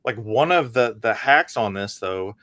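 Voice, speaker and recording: A man with a mid-range voice on a panel, speaking in quick, halting bursts and often restarting his sentences. The sound is dry and close. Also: mid-range voice, lively intonation, pushed and bright, no echo. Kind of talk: casual panel chat.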